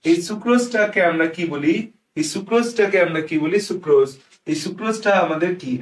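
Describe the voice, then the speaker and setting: A man's voice: fairly high pitch, recorded from a distance. Young male biology teacher, echoey room. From Bangladesh. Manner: drills terms with call-and-response questions. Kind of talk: online exam-prep lecture. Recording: echoey room, mic set back.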